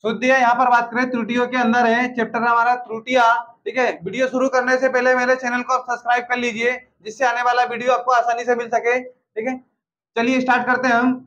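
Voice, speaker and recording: High-voiced man drilling a lesson. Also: monotone, quick pace, fairly bright tone. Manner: asks questions and answers them himself; drills with frequent "ठीक है ना" check-ins. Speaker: exam-prep teacher. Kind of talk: classroom-style lesson.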